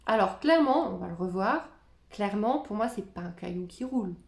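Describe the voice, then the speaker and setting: A woman's voice: medium pitch, lively intonation, a little fast, creaky, a little mellow, roomy sound. A woman giving casual reaction commentary on videos, musing and chatty, reading captions aloud and then weighing in. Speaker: spiritual content creator reacting to videos.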